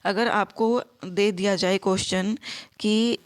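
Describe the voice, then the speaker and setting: A woman gives an exam-prep grammar lesson at an unhurried, careful pace. Her pitch sits in an ordinary middle range, and she keeps repeating forms and asking her students to say them back with her. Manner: slow, repetitive, drills students in call-and-response; mixes English words into Hindi. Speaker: Sanskrit teacher.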